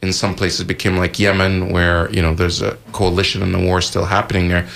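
A man's voice: deep voice, level tone, brisk, vocal fry, fairly bright tone. A man from Egypt co-hosting a live radio talk show in a studio, explaining events hesitantly with many fillers and restarts.

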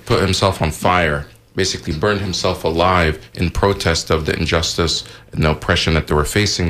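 A man's voice: sits low, a bit bright. A man from Egypt co-hosting a live radio talk show in a studio, explaining events hesitantly with many fillers and restarts.

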